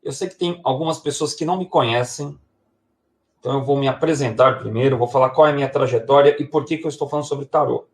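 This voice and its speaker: This man in his 40s, a tarot and astrology teacher, gives an introductory tarot lesson over a live stream. His mid-range voice moves fast, and his style is chatty, personal and full of digressive stories.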